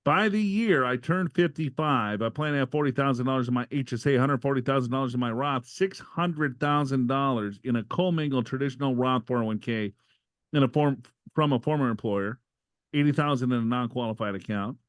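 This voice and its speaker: A man's voice: mid-range voice, fairly quick, no echo. A man co-hosting a podcast, reading out listener letters and breaking off for playful jokes. His voice sits in a middle range and sounds dry and close, with no room around it. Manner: joking, reads letters aloud with asides. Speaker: co-host reading listener questions. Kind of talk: casual podcast banter.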